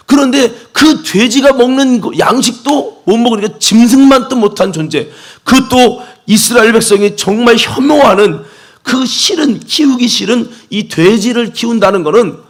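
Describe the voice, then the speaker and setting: A male pastor preaching a sermon, telling a story with lively asides. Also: high-pitched. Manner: storytelling, animated, with many asides.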